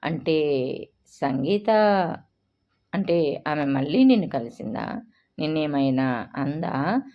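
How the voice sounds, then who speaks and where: A woman voicing a stern, commanding wealthy young man who talks gravely and bossily, in a muffled recording. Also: deep voice, expressive, slow, voice pushed down. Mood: hesitant. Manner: grave, domineering.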